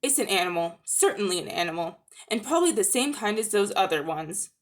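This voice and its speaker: A woman plays a male talking bulldog from a children's storybook. He is stubborn, indignant and emphatic, insisting on his view with lively swings in pitch. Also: brisk, close to an everyday voice. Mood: certain.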